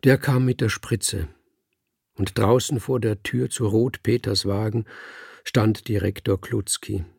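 A man reading a literary story aloud in a slow, measured narration. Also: fairly low pitch, fairly even intonation, vocal fry, a little mellow, slightly rough, dry recording, clean studio sound.

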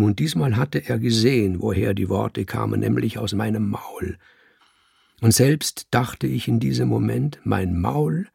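A man narrating a storybook in the first person, calm and measured. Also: medium pitch, vocal fry, breathy edge, dry recording, clean studio sound. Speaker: audiobook narrator.

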